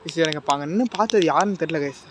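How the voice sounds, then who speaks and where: A jittery man on a ghost-hunting vlog, his voice high and bright as he talks to camera. He keeps calling out nervously to unseen spirits, and his fear shows in every line. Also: rapid-fire, a little hiss or hum. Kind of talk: night-time ghost-hunt vlog, talking to camera.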